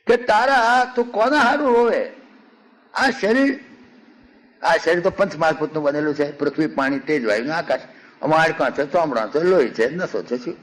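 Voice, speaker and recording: An older man with a Gujarati accent giving a spiritual discourse, telling folksy stories, acting out villagers and chanting verses slowly. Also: on the high side, poor audio. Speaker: spiritual speaker. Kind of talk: Ramayana discourse with humor and chanting.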